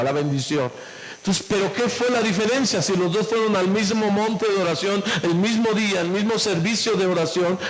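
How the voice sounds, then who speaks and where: A male pastor preaching a sermon, firing question after question at the congregation. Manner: asks the congregation many questions; acts out quoted voices in a lower tone. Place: church. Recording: echoey church hall with faint room noise.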